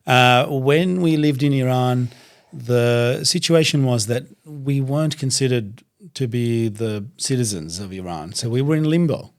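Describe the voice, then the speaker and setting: A young man from Iraq whose first language is Arabic, speaking as a guest in a studio interview. His voice sits in an ordinary middle register, and he talks in a steady, thoughtful way, pausing often as he recalls things. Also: mid-range voice. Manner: thoughtful, measured, pauses to gather words. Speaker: guest, doctor and reciter. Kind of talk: conversational interview.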